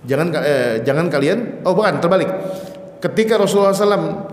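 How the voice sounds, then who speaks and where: Animated male preacher in an echoey mosque. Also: fairly high pitch, moderate pace. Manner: animated storytelling, acting out shouted quotes. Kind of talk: Islamic study lecture. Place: mosque hall.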